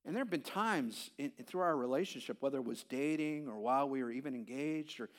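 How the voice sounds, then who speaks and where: A man in his fifties preaching a conversational sermon as a pastor, telling stories with animated swings and frequent halting restarts. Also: medium pitch. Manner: animated storytelling, voice leaps up when reenacting his own pleas; halting restarts and repeated words.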